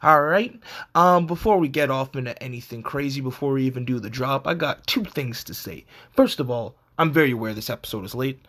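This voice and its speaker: Male podcast host, medium pitch, casual and blunt, slangy, sweary solo storyteller with an animated ranting delivery. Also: a little fast.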